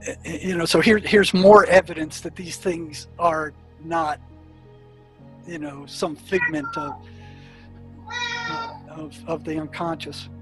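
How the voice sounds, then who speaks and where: A man recalls his years as a prison therapist in a storytelling way. He stumbles often, repeating words and restarting his sentences. His voice sits a little high, and soft music plays faintly underneath. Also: fairly even intonation, takes it slowly, long pauses, rough recording. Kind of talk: storytelling recollection.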